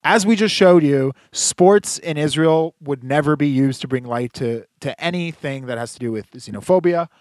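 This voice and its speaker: A man's voice: fairly high pitch, normal speed, few pauses, dry recording. A man co-hosting a podcast in casual chat, rambling with lots of fillers and dry, sarcastic asides. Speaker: podcast co-host.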